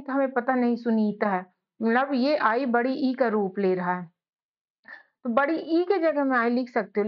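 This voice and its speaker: A woman's voice: high voice, highs cut off. A woman teaching beginners English, patiently spelling letters out and often checking that her students follow. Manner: patient, repeats and checks with "ठीक है?"; spells letters out slowly, one by one.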